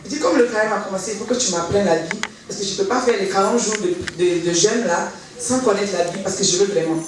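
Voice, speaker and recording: A woman giving a spoken testimony in church, telling her story in a lively way and acting out the voices of the people in it. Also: mid-range voice, quick pace. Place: church hall. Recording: echoey hall from far off, faint noise.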